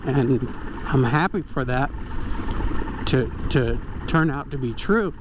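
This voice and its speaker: A man's voice: mid-range voice, animated, slow. Man talking inside a helmet over engine noise. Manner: conversational, hedging, thinking aloud. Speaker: motorcycle vlogger. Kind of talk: casual riding commentary. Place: outdoors, riding a motorcycle on a desert trail. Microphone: mic inside a motorcycle helmet. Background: motorcycle engine and wind.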